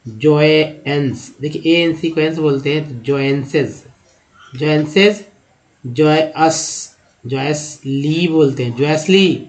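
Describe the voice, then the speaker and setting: Man slowly drilling English words. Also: on the high side, poor audio. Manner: drawn-out repeated words, steady drilling. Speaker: English teacher. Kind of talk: slow pronunciation lesson, reading a word list.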